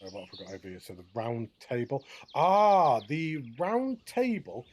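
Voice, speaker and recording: A man's voice: mid-range voice, huge pitch swings, moderate pace. A man chatting casually as a gaming co-host, easygoing and rambling with tag questions, on a headset. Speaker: co-host of a park tour.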